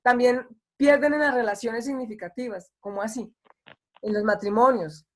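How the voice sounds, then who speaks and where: A woman's voice: a little high, moderate pace. Woman pastor, conversational sermon. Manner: conversational, acts out quoted complaints. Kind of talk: online sermon.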